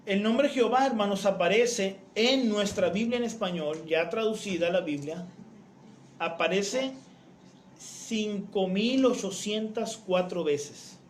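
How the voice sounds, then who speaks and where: A man with a high voice gives a teaching sermon, methodically explaining and repeating his main points. He often turns to his listeners as brethren. The sound is roomy and echoing, with a faint hiss behind him. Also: unhurried. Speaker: preacher teaching doctrine. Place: church.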